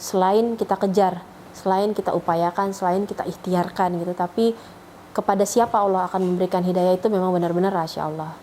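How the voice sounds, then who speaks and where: A woman's voice: fairly low pitch, fairly even intonation, fairly quick, warm tone, slight background noise, poor audio. A middle-aged woman telling the story of how she came to Islam, in a chatty, rambling way with many restarts. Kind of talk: emotional personal testimony.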